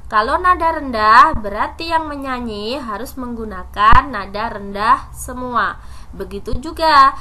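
A woman teacher walks through her lesson at a slow, careful pace, her voice bright and a little high. She explains things step by step, often checking in with a "ya" or moving on with a "nah". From Indonesia. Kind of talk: recorded classroom lesson.

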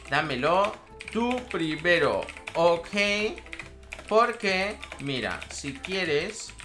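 Lively, bright-voiced gamer woman. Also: very deep voice. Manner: chatty, repeats phrases, bursts into squeals and laughs. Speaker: gaming YouTuber. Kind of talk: excitable gameplay commentary.

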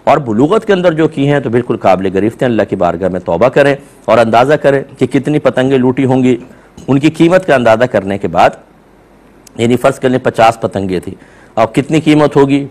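A man's voice: mid-range voice, a little mellow. A male Islamic scholar with a sore throat, earnestly explaining religious rulings in answer to questions. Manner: earnest explanatory tone, voice jumps up when quoting people. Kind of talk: religious Q&A talk.

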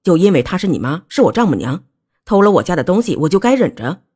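A woman voicing a young husband who speaks coldly and firmly in a lowered voice. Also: moderate pace, a little mellow, breathy edge. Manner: cold, clipped, firm. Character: stern young husband, cold and firm.

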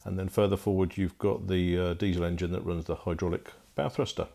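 Gravelly low-voiced man touring a boat. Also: level tone, a little fast, warm tone. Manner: casual, unscripted, frequent "uh" fillers. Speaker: boat broker. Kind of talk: walkthrough tour narration. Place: inside a wooden barge cabin.

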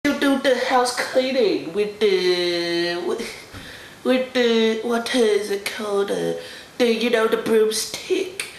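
A man's voice: sits high, takes it slowly. A young man with a blocked nose and sore throat, rambling and laughing through a casual video diary from home. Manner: rambling, chatty, laughs often. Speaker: vlogger. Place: at home, indoors. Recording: echoey room with background noise.

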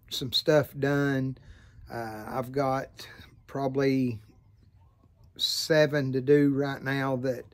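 Southern american guy in his 50s, slow easygoing rambly chat, mid pitch, outside on the farm. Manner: unhurried, folksy, rambling. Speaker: vlogger and hobby pipe maker. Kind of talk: casual chat to camera. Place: outdoors by a farm field.

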